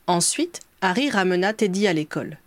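A woman reading a story aloud as an audiobook, telling it clearly and evenly. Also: lowish voice, lively intonation, brisk, no echo. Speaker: reader. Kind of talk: audiobook narration of fan fiction.

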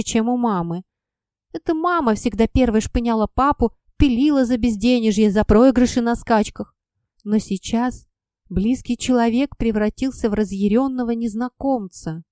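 A woman narrating a first-person audiobook in an expressive, measured reading. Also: fairly high pitch, dry recording, clean studio sound.

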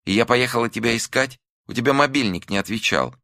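A man voicing a middle-aged mother who speaks softly and falteringly, shaken but relieved and tender toward her son. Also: medium pitch, fast, vocal fry, no room sound, studio quality, voice pushed up. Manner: soft, faltering. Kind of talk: audiobook dialogue.

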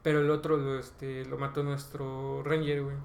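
A man's voice: medium pitch, normal speed, creaky, a little hiss or hum. A man with a Mexican accent casually retelling a tabletop game session on a podcast, slangy and full of fillers. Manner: slangy, filler-heavy, ends phrases with "güey"; rambling, animated retelling with bursts of laughter. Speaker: podcast host. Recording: roomy echo, faint background ambience.

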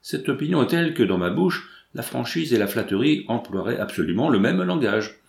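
A formal, well-mannered gentleman answers courteously and a little bewildered, as a man reads him in his own middle-pitched voice. The voice carries a roomy echo. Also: big pitch swings, fairly quick, vocal fry. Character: polite, puzzled gentleman visitor.

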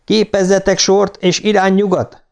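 Guy doing a bossy lady commander, short sharp orders, high and gravelly. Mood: urgent, commanding. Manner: clipped commands, urgent. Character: female mission commander, firm, decisive.

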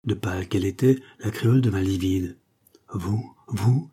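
A man narrating a classic novel in a measured, expressive audiobook reading. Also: deep voice, husky. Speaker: audiobook reader.

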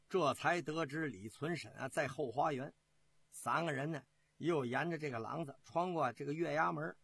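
A man telling a traditional historical story in a lively, rhythmic manner, with drawn-out fillers. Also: fairly high pitch, dry recording. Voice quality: husky.

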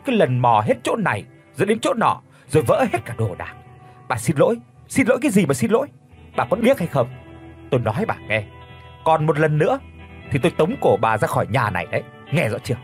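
A man voicing a harsh adult son in an audiobook, snapping and shouting. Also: a little high, big pitch swings, fairly quick, faint music behind, pitched above the performer's own voice. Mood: furious.

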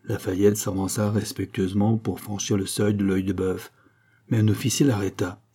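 A man reading a classic novel aloud as an audiobook narrator, steady and measured. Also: on the low side, breathy edge. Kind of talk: scripted narration.

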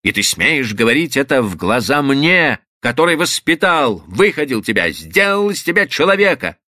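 A man's voice: mid-range voice, very animated, normal speed, pushed and bright, dry recording, clean studio sound. A man doing a stern old father. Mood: outraged. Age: older. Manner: mocking then thundering. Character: stern older Irish-American father, sarcastic, furious.

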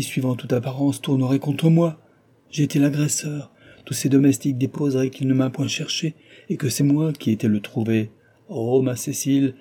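A man playing a young lovesick gentleman, fervent and remorseful in a classic novel reading. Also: mid-range voice, husky, voice pushed up, lightly acted. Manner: impassioned, exclamatory, pleading.

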